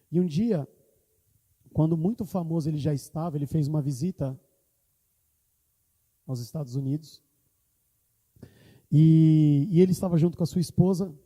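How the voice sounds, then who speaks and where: A man's voice: fairly high pitch, mellow. A man preaching a sermon as pastor, with impassioned delivery, quoting prayers aloud. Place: church hall. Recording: church hall reverb.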